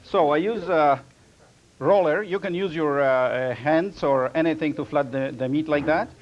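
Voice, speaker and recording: Male inventor, higher voice, hesitant non-native phrasing, live demonstration, dull lo-fi broadcast sound. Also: moderate pace. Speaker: inventor demonstrating his product. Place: TV studio kitchen set. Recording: dull lo-fi TV audio.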